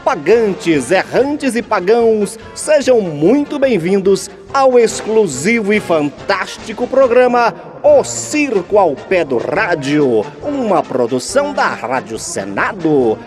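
A man's voice: sits high, very animated, over music. A man announcing a radio documentary in a grandiose circus-ringmaster style, drawing out his words like a showman. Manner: grandiose, drawn-out showman delivery. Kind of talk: theatrical circus-ringmaster introduction.

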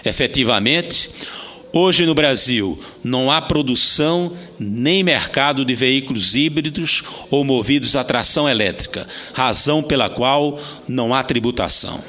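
Bright-voiced Brazilian man giving a formal speech. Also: mid-range voice, expressive. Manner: formal, deliberate phrasing with occasional stumbles. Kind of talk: formal parliamentary speech read from a script.

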